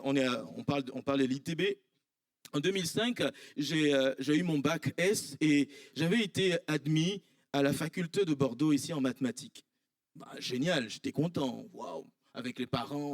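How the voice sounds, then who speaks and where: A man in his thirties, a pastor with an Ivorian French accent, preaching a sermon. He swings from high, emphatic cries to low, quiet asides. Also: moderate pace, no room sound, clean studio sound. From Ivory Coast. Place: church.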